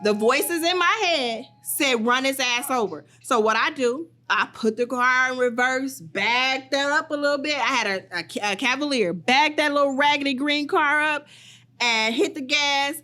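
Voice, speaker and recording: Young adult woman, podcast co-host, bright higher voice, emphatic casual storytelling. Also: moderate pace. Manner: animated, emphatic retelling.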